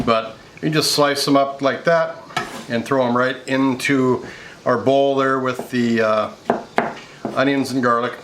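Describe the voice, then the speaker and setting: An American man in his fifties hosts a cooking show in a casual, explanatory way. His voice sits at an ordinary middle pitch. He is recorded in a home kitchen, with clear noise and clatter behind him. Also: steady tone, measured pace. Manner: explanatory, conversational step-by-step narration. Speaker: cooking show host, chef. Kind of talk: casual cooking show host talking through a recipe.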